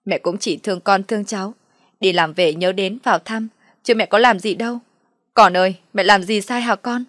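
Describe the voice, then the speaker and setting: A woman's voice: mid-range voice, fast, husky, no echo, clean studio sound, close to an everyday voice. A woman voicing a self-pitying, theatrical farm woman near sixty who complains tearfully. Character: wailing self-pitying old farm woman, mother-in-law.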